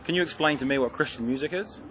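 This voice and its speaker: A man's voice: fairly high pitch, fast talker, crowd noise. A man with a broad New Zealand accent, interviewing someone in a casual, chatty style as a host.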